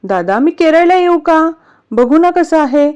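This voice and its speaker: Woman voicing an excited spoiled little sister in a storybook reading, high and lively. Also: measured pace. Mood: eager. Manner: eager, wheedling.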